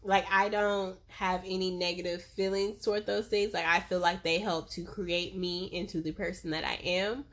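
A young adult woman co-hosting a casual podcast chat, speaking in a measured, thoughtful way. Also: fairly low pitch, fairly even intonation, a bit bright. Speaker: podcast co-host.

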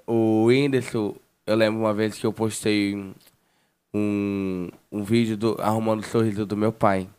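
A man's voice: lowish voice, level tone, measured pace, a little mellow, clear, resonant tone. A man, chatting casually as a guest. He tells a long personal story, repeating words and restarting his sentences as he goes.

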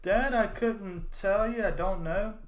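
Laid-back guy on a podcast, bit high-pitched, roomy echo. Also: unhurried. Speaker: podcast co-host. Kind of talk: casual wrestling chat.

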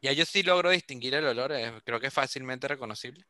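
A man's voice: mid-range voice, fast talker, sharp tone. A young Venezuelan man telling a story in a casual chat over a video call, acting out the voices of others.

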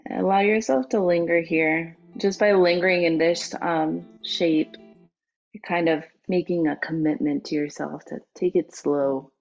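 A woman teaching yoga, giving slow, soothing instructions for the final rest and closing. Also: on the low side, fairly even intonation, gravelly. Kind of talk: guided yoga cool-down. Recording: dull lo-fi with faint music. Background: soft background music.

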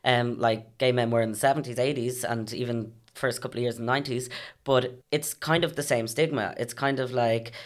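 A young adult man, a podcast guest chatting casually and telling lively anecdotes. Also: mid-range voice, brisk. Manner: animated storyteller, acts out quoted voices. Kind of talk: casual chat.

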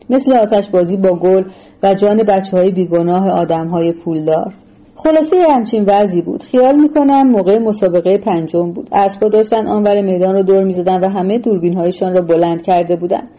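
A woman reading a novel aloud as narrator in a measured, even storytelling manner. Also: fairly low pitch, muffled recording. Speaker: audiobook narrator. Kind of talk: scripted literary narration.

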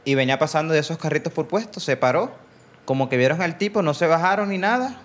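A man's voice: on the high side, expressive, fast. A man with a Venezuelan accent, chatting casually as a podcast co-host and telling anecdotes. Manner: tells anecdotes, acts out quoted voices. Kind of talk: casual chat.

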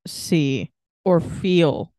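A woman's voice: low-pitched, drawn-out words, mellow, no room sound. A young woman co-hosting a paranormal podcast, skeptical and laughing often in casual chat, swearing freely. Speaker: podcast co-host.

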